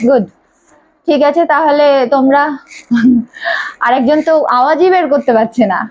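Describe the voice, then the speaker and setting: In a classroom with a board, a woman teaching English pronunciation to a small class patiently repeats each sound over and over. She speaks at a moderate pace in a high voice, with the highs cut off.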